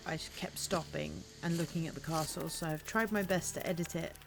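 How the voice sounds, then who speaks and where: A woman's voice: sits low, fairly even intonation, fairly quick, vocal fry, music in the background. A woman chatting casually and enthusiastically as she narrates a country walk for a vlog. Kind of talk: casual chat.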